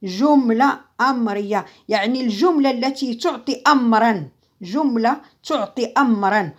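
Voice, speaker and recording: A woman teaching a grammar lesson, repeating each example slowly and explaining it again in Arabic. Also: a little high. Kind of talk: slow classroom grammar lesson.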